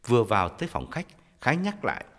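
A man narrating a story in a measured, expressive audiobook style. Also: medium pitch, big-room sound.

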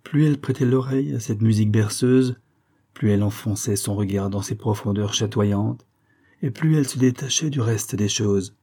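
A man reading a French novel aloud as the narrator, in a measured storytelling manner. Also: on the low side, warm tone. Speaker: audiobook reader. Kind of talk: literary narration.

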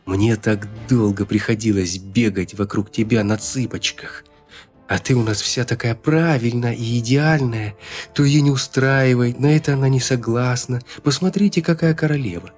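A man's voice: fairly even intonation, moderate pace, darkish tone, soft background music, natural voice. A male narrator voicing a hysterical, vicious woman who screeches threats and hisses insults. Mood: hissing. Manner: shrill, hissing, screaming threats.

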